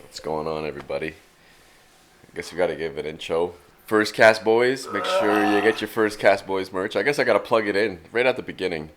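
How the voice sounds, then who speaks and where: A man co-hosting a podcast, chatting casually and telling rambling, animated stories. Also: deep voice, moderate pace, slight background noise. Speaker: podcast co-host. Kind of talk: casual chat. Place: rural cottage area.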